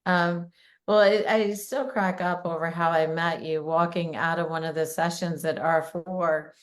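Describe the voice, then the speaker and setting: A woman from Maryland hosting a casual podcast interview, chatty and animated as she tells stories. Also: fairly low pitch, a little slow. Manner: chatty, animated storyteller who breaks into laughter. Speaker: podcast host, realtor.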